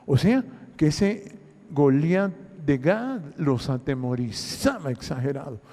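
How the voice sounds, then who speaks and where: A man's voice: on the high side, very animated, takes it slowly, dark tone, big-room sound. A man from Honduras with a Honduran accent, a pastor preaching a sermon, constantly saying "mire" and acting out Bible dialogue. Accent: Honduran Spanish.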